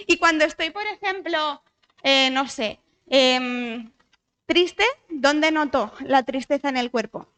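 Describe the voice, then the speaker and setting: A Spanish woman with a high-pitched voice speaks slowly in a church hall. She is a psychologist giving a lively, conversational talk, often putting questions to the audience and tagging her sentences with frequent questions.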